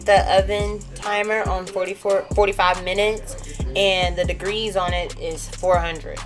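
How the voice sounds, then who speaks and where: Loud music plays behind this young adult woman as she chats her way through a home cooking vlog, explaining every step and often checking in with "okay?". Her pitch is medium, her intonation fairly even, her pace unhurried. She films indoors in her kitchen with a handheld phone camera.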